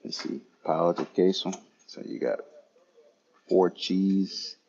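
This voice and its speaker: A man live-streaming a relaxed walkthrough of an airport lounge, chatting casually to viewers as he points things out. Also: sits low, gravelly, muffled recording, a little hiss or hum. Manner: casual, unhurried, talking to chat viewers. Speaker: travel vlogger.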